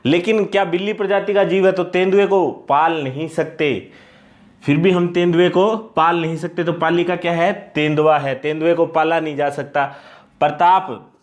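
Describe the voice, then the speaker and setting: A man's voice: a little high, fairly even intonation, moderate pace, muffled recording. A man teaching an exam-prep lesson, repeating points and asking questions he answers himself. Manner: repetitive, explains by asking and answering itself.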